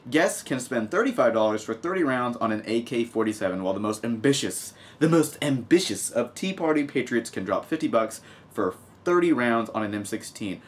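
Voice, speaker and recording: A young adult American man from Texas hosts a video, reading out news with casual, sarcastic commentary from a home desk in a small indoor room. His voice is medium-pitched, expressive and fairly quick, with a little hiss or hum.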